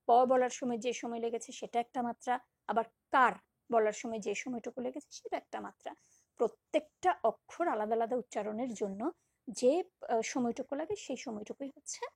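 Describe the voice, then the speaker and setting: A woman's voice: on the high side, brisk, no room sound, studio quality. A woman teacher giving a recorded lecture, patiently repeating examples and drawing out single syllables. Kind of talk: recorded lecture on poetic meter.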